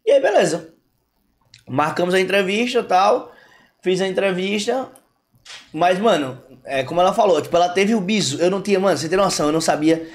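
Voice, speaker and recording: A young Brazilian man, a guest, telling a story in slangy, animated casual chat on a podcast. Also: high-pitched, brisk.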